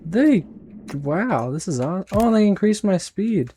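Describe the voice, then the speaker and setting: A man's voice: sits high, very animated, slow, dark tone, a little hiss or hum. A young man reacting casually to a game on stream, playful and sweary. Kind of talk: casual live gameplay reaction.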